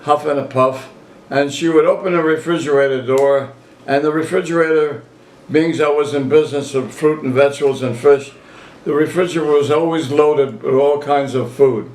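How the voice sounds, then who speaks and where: A man's voice: a little high, fairly even intonation, moderate pace, a little mellow. Elderly man reminiscing, roomy sound. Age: 80s. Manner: folksy storyteller, repeats phrases and acts out quotes. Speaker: interviewee, grandfather reminiscing. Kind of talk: casual reminiscing interview. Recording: roomy, echoey home recording.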